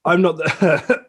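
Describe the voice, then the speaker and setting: A man hosting a casual interview, halting and clearing his throat as his mouth burns from spicy food. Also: a little high, sharp tone. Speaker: host of a hot wings challenge interview. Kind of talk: casual chat.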